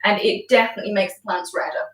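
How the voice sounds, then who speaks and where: A woman's voice: medium pitch, fairly even intonation, fast talker, roomy sound, far from the mic, rough recording. A woman chatting casually while planting an aquarium, explaining as she goes with frequent ums. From outside Denmark. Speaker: aquascaper.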